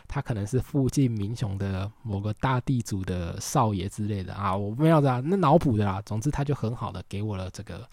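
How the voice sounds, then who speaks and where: A man's voice: fairly low pitch, a little fast, vocal fry, hardly any pauses, darkish tone. A young man from Tainan with a Taiwanese Mandarin accent, telling travel stories in a chatty, rambling way full of filler words. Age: young adult. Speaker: vlogger on a walking trip around the island. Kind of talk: casual storytelling.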